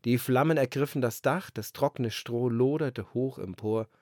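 A man reading a fairy tale aloud in a calm, expressive storytelling manner on a close mic. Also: mid-range voice, moderate pace, dry recording. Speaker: narrator.

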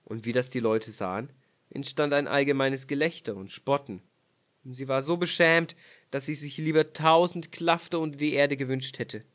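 A man narrating a fairy tale aloud in a measured, expressive storytelling voice. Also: mid-range voice.

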